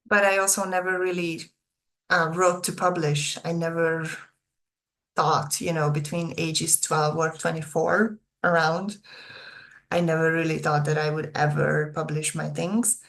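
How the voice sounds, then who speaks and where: Her voice is low, creaky and a bit bright, held at a level tone and a measured pace. She's a young author with a Hungarian accent, casually and somewhat hesitantly chatting to the viewers of her own video channel.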